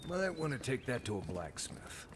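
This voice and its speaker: A man's voice: mid-range voice, sing-song, normal speed, noisy background, lightly acted. An actor voicing a dry, knowing male companion who gives wry advice.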